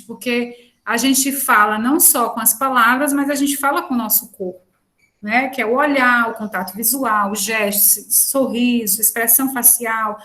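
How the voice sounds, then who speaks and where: A woman teaches an online class. Her voice sits a little high, and her delivery is chatty, full of fillers and self-corrections. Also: sharp tone. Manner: conversational, frequent fillers and restarts. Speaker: lecturer. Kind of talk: online lecture.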